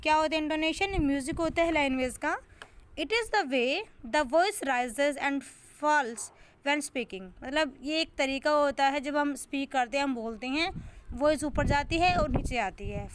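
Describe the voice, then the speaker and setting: Slow, high-voiced Indian woman teaching. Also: slight background noise. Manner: reads English lines slowly, then explains in Hindi; asks questions and answers them herself. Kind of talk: exam-prep lesson.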